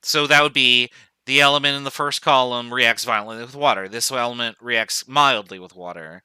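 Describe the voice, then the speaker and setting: Bright, crisp-voiced man lecturing casually. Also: medium pitch, normal speed, no echo. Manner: casual, joking, thinks aloud with fillers. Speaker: chemistry professor. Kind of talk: online lecture.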